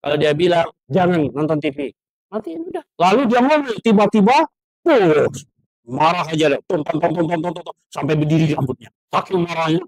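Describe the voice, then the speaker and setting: High-voiced guy preaching to students, acts out angry parents, loud then hushed, dry close sound. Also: fairly quick, dry recording. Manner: animated, acts out scolding parents with sound effects; swings from loud raised lines to low hushed asides. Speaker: preacher at an Islamic boarding school. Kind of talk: sermon to students.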